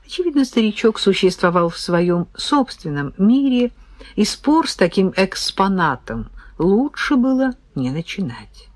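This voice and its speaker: Woman reading a novel out loud, lively, mid pitch, super dry recording. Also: a little slow, no echo. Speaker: audiobook narrator. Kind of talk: scripted narration.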